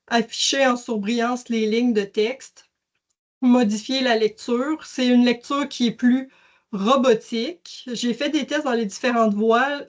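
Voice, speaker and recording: A woman's voice: a little high, darkish tone. A woman presenting a webinar, explaining a digital library in a casual way with many fillers and restarts. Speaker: educational services presenter. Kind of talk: webinar software demonstration.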